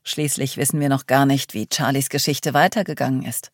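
A woman reading the part of a calm, guarded man leading a group, speaking tersely and evasively. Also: extremely low pitch, brisk, dry recording, studio quality. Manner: terse, composed, ominous.

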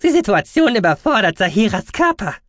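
A man voicing a small, eager male mousebeaver creature in an audiobook, squeaky and emphatic. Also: big pitch swings, brisk, fairly bright tone, no room sound, studio quality. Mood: earnest.

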